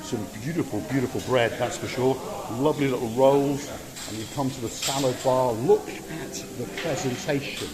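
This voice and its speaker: A man's voice: mid-range voice, normal speed, a crowd in the background. An older man giving an enthusiastic walk-around commentary of a hotel, repeating his praise as he goes. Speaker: vlogger touring a hotel. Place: outdoors and indoors in a hotel, walking.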